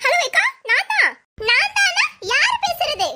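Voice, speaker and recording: A woman with a Thoothukudi accent voicing a fiery, quick-tempered middle-aged mother-in-law in a cartoon. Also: extremely high pitch, sing-song, a little hiss or hum, heavily acted. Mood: scornful. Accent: Thoothukudi Tamil. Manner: shouting, scornful. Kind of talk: cartoon voice acting.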